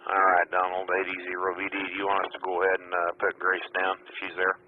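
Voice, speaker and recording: A man running an amateur radio net as net control, talking in an easygoing way with many filler pauses, heard as a radio transmission with static. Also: sits low, completely flat delivery. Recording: tinny radio with faint static.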